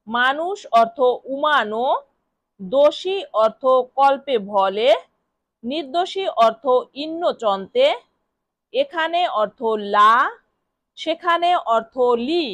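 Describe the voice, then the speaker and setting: A woman's voice: sits high, fairly bright tone, dry recording. A woman teaching vocabulary. She repeats each word several times, spells it out letter by letter, and asks questions that she answers herself. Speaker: language teacher. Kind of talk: vocabulary lesson.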